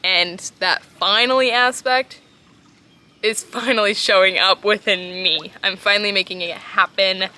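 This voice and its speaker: A woman talks solo as a podcast host while sitting outdoors in a pool. Her voice is bright and forceful at an average pitch. She speaks informally and earnestly, leaning on key words in a casual motivational style. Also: steady tone, unhurried.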